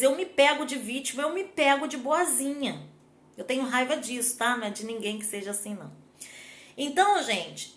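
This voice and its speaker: A woman's voice: sits high, fairly bright tone, echoey room. A woman therapist giving a casual talk to an audience, chatty and often turning to them directly. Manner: chatty, addresses audience as gente, acts out quotes.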